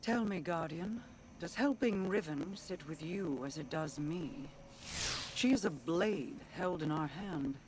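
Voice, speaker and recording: A woman's voice: fairly low pitch, a little mellow, slight background noise, lightly acted. A woman playing a regal, wary queen in a video game, speaking in a formal, solemn, resolute way. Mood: grave, wary. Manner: measured, formal, grave. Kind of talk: scripted video game dialogue.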